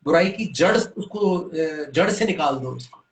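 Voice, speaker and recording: A man's voice: on the high side, expressive, roomy sound. A man explaining Quranic teaching in an earnest, patient way, reciting short Arabic verses as he talks. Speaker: guest speaker on religion.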